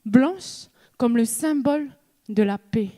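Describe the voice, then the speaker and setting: Young woman from new caledonia giving a contest speech, slow and deliberate, high-pitched, lots of rhetorical questions. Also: dark tone. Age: young adult. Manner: slow measured delivery with dramatic pauses; rhetorical questions and repeated refrains. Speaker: student contestant. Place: stage in a hall before an audience.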